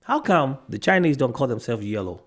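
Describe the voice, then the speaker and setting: A man's voice: medium pitch, sing-song, a little fast. Man from Africa ranting to camera. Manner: argumentative, fires off rhetorical questions; stops to check notes mid-rant, with restarts. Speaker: video commentator.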